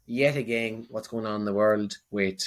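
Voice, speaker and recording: A man's voice: on the low side, moderate pace. A man with an Irish accent co-hosting a podcast in casual chat, rambling and often restarting his sentences. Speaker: podcast co-host.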